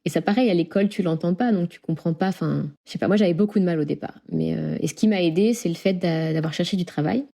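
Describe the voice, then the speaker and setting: A young woman tells her story as a guest, chatty and quick. Her voice sits low with a dark, mellow tone. She laughs easily and leans on fillers as she talks. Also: creaky. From France. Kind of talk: casual interview chat.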